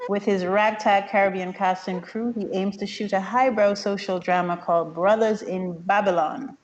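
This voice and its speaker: A woman's voice: medium pitch, normal speed. Woman reading bios on a dull line. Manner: steady, careful reading. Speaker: meeting presenter. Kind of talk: reading film synopses and bios. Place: online meeting from home. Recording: dull lo-fi online meeting audio.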